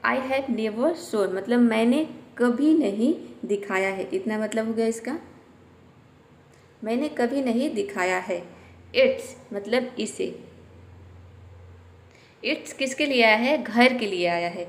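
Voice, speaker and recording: A woman teaches English sentences one word at a time, slowly repeating each word with its meaning. Her voice sits fairly high and unhurried. The room around her is echoey.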